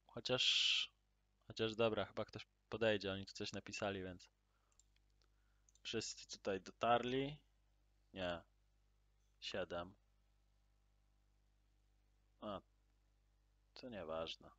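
A gaming channel host with a lowish voice gives unhurried, casual commentary on his gameplay. He booms loud, upbeat greetings, mutters quietly while he plays, and lets out excited cries at in-game drops. The recording is dull, lo-fi, and dry, with no echo.

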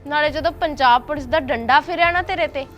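A woman's voice: sits high, a little fast, lo-fi sound, faint music behind. A woman acting a fed-up young wife who works as a housemaid and scolds her husband in a short drama film. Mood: scheming, taunting. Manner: sharp-tongued, scolding, taunting.

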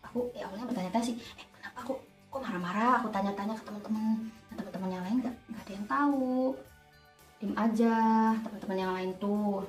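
A young woman, telling an animated storytime while doing her makeup, recorded in a roomy indoor space from a distance with faint music. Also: medium pitch, quick pace. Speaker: nurse vlogger.

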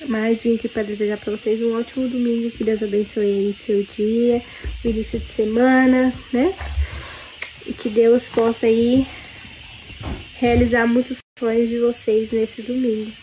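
Brazilian woman, 20s, slightly high mellow voice cracked by flu, casual phone chat. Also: flat delivery, unhurried, low-quality recording. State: ill with flu. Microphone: phone at arm's length. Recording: faint background noise, phone recording.

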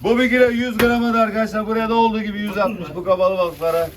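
A man's voice: high voice, fairly even intonation, racing, over music. A man working as a fish auctioneer, calling out weights and rising bids in a chant to buyers he addresses familiarly. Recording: distant noisy mic with clicks, birds.

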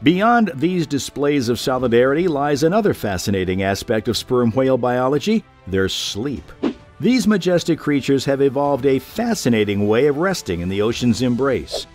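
Animated male nature documentary narrator over music. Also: medium pitch. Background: background music.

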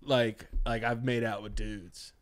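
A man's voice: medium pitch, level tone, slow. Crude joking young man on a podcast. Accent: New York. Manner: crude, joking, laid-back. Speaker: podcast co-host. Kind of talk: casual chat. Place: living room, indoors. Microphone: studio mic on desk stand, headphones.

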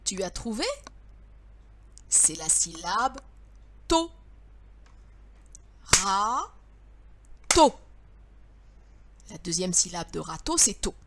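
A woman's voice: fairly low pitch, animated, a little slow, long pauses, fairly bright tone, slight background noise. A woman teacher with a French accent, giving a patient lesson to young children and stretching out syllables in a sing-song way.

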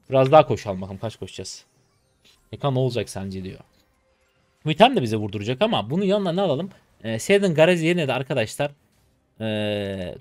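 Lively young Turkish streamer, dry close mic. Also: male voice, medium pitch, dry recording. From Turkey. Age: 20s. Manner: excitable, chatty, talks to chat, bursts of laughter and teasing. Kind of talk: live gameplay commentary.

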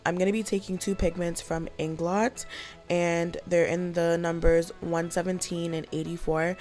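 A young woman narrating a makeup tutorial in a casual, chatty, informal way. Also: lowish voice. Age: young adult. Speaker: beauty vlogger.

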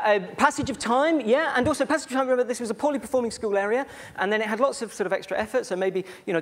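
A British man giving a conference talk on bad science, chatty and sarcastic, with many fillers and asides. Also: sits high. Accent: British English. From Britain. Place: conference stage before an audience.

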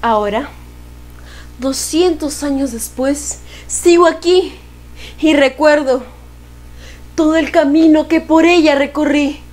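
Teenage female reciter, Peruvian accent, high voice, slow and dramatic declamation. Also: steady tone, darkish tone. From Peru. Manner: dramatic, emphatic, with long pauses. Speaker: student reciter in a poetry contest. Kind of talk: theatrical poetry declamation. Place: living room at home.

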